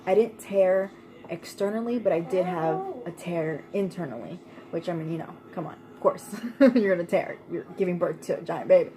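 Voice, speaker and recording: A woman's voice: on the low side, normal speed, mellow, low-quality recording. Chatty young woman telling a story. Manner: chatty, laughing often, lots of fillers. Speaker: vlogger. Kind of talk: casual storytelling.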